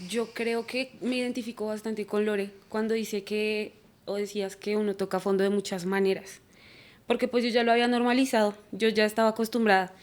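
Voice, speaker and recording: A woman's voice: mid-range voice, a little fast. A young woman from Colombia, giving a church podcast testimony and acting out the dialogue she recalls. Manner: animated, acts out quoted dialogue. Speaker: guest.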